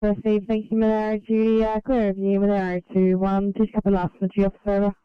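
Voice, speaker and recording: A woman speaking as an emergency radio operator in brisk, procedural ambulance radio style. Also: medium pitch, completely flat delivery, clear, resonant tone, no room sound. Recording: muffled, band-limited two-way radio.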